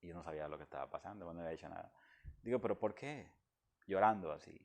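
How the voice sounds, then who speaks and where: Deep-voiced man giving earnest testimony. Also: fast. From Dominican Republic. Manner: earnest and heartfelt. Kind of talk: emotional personal testimony.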